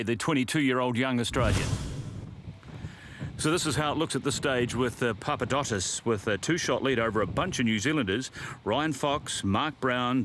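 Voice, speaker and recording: A man's voice: medium pitch, background noise. A man anchoring golf tournament commentary, describing play in a presenterly, conversational way.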